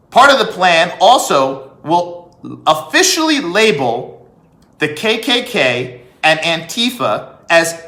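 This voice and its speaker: With a bright, forceful, high voice, a man holds forth in an emphatic political monologue as a commentator. The room echoes, and he leans on repetition and rhetorical questions.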